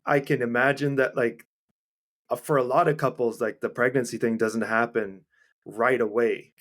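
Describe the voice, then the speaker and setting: A man hosting a podcast, gently asking questions and reflecting on his guest's story. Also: medium pitch, fairly even intonation, moderate pace. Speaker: podcast host. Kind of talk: interviewing.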